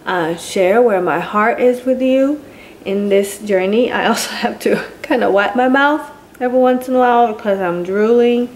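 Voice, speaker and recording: A woman's voice: a little high, normal speed, a little hiss or hum. A woman giving an earnest, confiding personal video update, her speech slurred and thick from a painfully swollen tongue, sounding sore and tired. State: in pain and tired, speaking with a sore mouth. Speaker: vlogger.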